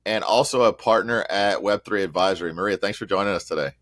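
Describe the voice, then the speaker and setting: Deep-voiced male podcast host, dry sound. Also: fast talker, fairly bright tone, no room sound. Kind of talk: podcast interview hosting.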